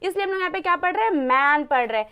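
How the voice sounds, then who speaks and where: Speaking very fast in a very high-pitched, expressive voice on lo-fi audio, a woman gives a classroom-style lesson explaining English pronunciation rules. She asks and answers her own questions and spells words letter by letter.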